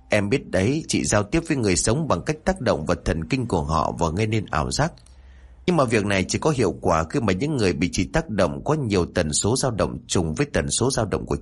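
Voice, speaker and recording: A man's voice: on the low side, breathy edge. A man voicing a young woman's ghost, once full of hatred and now tender and sorrowful, speaking mournfully to those she loves.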